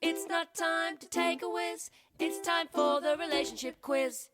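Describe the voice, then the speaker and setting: A woman singing a short sweet jingle in a high chipmunk-style voice. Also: steady tone, measured pace, music in the background. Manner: sung, bouncy and sweet. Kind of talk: a cappella jingle sting.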